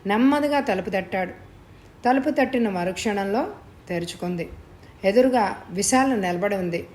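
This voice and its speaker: A woman narrating a suspense story in a measured, steady reading voice. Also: medium pitch, a little hiss or hum. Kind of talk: scripted narration.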